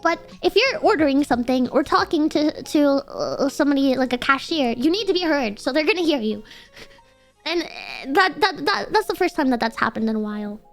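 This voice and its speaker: A young adult woman with a nasal, girlish voice, chatting casually and excitably to livestream viewers in a cute anime-streamer manner. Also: high voice, a little fast, soft background music. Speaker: VTuber livestreamer.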